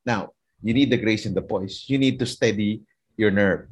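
A man's voice: on the low side, normal speed, slightly rough. A man with a Filipino accent preaching a motivational sermon, repeating phrases and asking rhetorical questions. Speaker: pastor.

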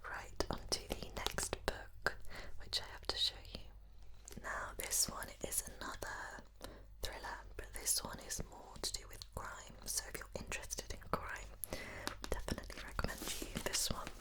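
A woman performs a whispered role-play as a helpful librarian. Her voice stays in a soft library whisper, breathy and unvoiced. She explains things in a gentle, unhurried, reassuring way. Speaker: librarian recommending books to a visitor.

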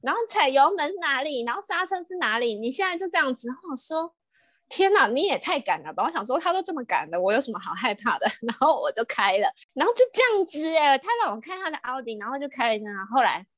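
A young Taiwanese woman with a Taiwanese Mandarin accent co-hosts a podcast, telling a story casually and animatedly, laughing often and slipping in English words. Her voice is high-pitched and quick with hardly any pauses, recorded at studio quality with no room sound.

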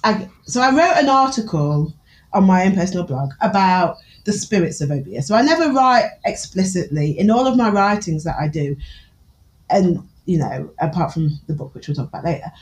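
A woman's voice: on the low side, expressive, moderate pace, low-quality recording. Frank Newark-accented woman, laughing. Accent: Newark, English East Midlands. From England. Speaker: podcast guest, author and Obeah practitioner. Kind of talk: casual conversational interview.

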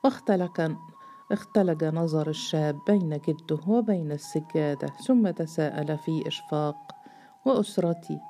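A woman narrating a novel aloud in a measured, steady storytelling voice. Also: deep voice, faint music behind.

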